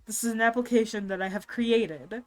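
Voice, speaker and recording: Pompous grim reaper thing, booming and theatrical as a woman puts it on, little background music. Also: moderate pace, darkish tone, natural voice, low-quality recording. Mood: haughty. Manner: grandiose, theatrical, easily flustered.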